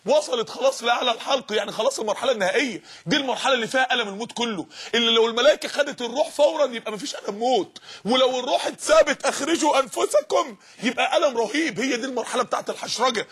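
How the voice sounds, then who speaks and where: Fiery, high-voiced Egyptian preacher. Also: male voice, very fast, a bit bright, slightly rough. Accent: Egyptian Arabic. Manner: impassioned, rhetorical, pleading. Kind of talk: sermon.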